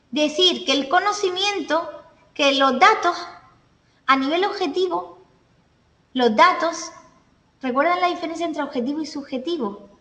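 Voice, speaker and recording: A woman gives a classroom lecture in a high voice, walking through points with examples and pausing to check her listeners follow. The sound is roomy with a long reverb tail. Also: pushed and bright. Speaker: teacher. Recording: echoey room, voice from a distance.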